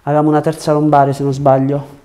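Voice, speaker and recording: A young chiropractor in a small treatment room gives short, reassuring directions and explains the treatment for both patient and viewers. Recorded on a lapel mic, his voice is a little high, monotone, fast and dark in tone.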